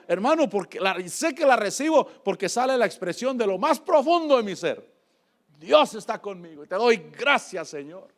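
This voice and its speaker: Preacher guy, high voice jumping all over, keeps calling folks brother. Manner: animated, exhorting the congregation, calling them brother. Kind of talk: sermon.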